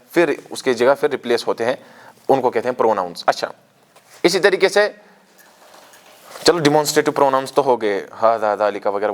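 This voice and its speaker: A man teaching Arabic grammar to a class, explaining terms step by step, asking questions and leading recitation drills. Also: mid-range voice.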